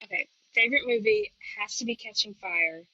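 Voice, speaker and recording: A woman's voice: mid-range voice, brisk, sharp tone, slightly rough, no room sound, lo-fi sound. A woman guesting on a podcast, chatting casually with breezy, dry teasing. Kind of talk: casual chat.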